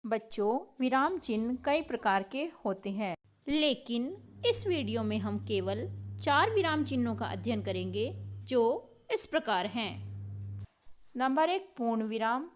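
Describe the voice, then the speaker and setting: A woman teaching a grammar lesson to children, speaking slowly and deliberately, asking the class questions and answering them herself. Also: a little high, big pitch swings. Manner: slow, deliberate, addresses children directly.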